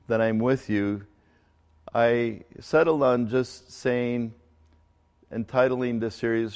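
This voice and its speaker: A middle-aged male pastor who grew up in Ecuador, preaching a sermon in a conversational, halting way with fillers and restarts. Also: medium pitch, a little mellow. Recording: long hall reverb.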